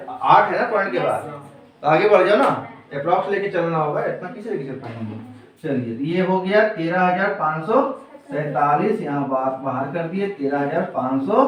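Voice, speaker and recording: A male teacher giving a classroom accounts lesson, quizzing students and repeating their answers back. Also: sits high. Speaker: commerce teacher. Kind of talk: classroom lecture. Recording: echoey room, mic far off.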